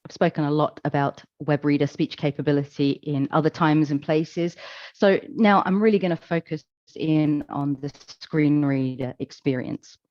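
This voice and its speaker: A woman giving a conference presentation, explaining in a measured, calm way with occasional fillers. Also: sits low, dry recording, dull audio. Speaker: conference speaker. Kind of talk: presentation talk.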